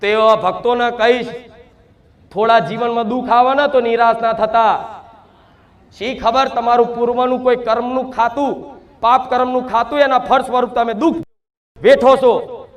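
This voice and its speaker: A man's voice: extremely high pitch, fairly even intonation, moderate pace. A man, giving a devotional sermon in the first person as the goddess, emphatic and full of repeated rhetorical questions.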